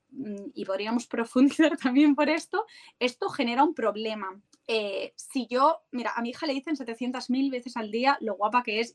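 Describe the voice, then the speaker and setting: A middle-aged woman with a Spain Spanish accent, a podcast guest talking casually and animatedly, often mimicking other people's voices. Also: a little high. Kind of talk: casual interview talk.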